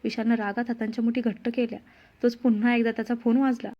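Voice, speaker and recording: A woman's voice: a little high, level tone, quick pace. Woman narrating a romance serial. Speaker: storyteller. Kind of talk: scripted story narration. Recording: dull lo-fi sound.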